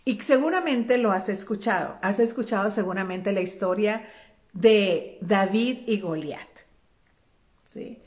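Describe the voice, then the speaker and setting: A woman giving a conversational Bible teaching, retelling the story folksily and tagging her sentences with little checks to the listener. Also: mid-range voice. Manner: folksy, constantly adds "¿verdad?"; expressive retelling with quoted voices.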